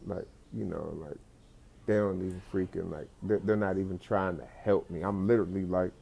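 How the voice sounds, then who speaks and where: Gravelly low-voiced male storyteller. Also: moderate pace. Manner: rambling, many fillers and restarts, animated voices for quotes. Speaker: comedic storyteller. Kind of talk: comic storytelling monologue.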